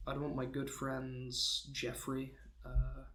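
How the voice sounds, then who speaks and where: A young man co-hosting a podcast, joking deadpan in a rambling, casual way with plenty of filler words. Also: medium pitch, slow, a little hiss or hum. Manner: rambling, deadpan jokes, frequent "um" and laughter. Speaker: podcast co-host. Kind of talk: casual comedic chat.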